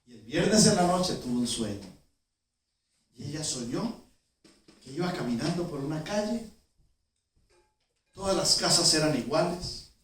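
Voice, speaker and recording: A male pastor telling a story in a sermon, with vivid storytelling that swings between loud and hushed. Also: a little high, animated, measured pace, long pauses, a little hiss or hum. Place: church sanctuary. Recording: echoey church from far off.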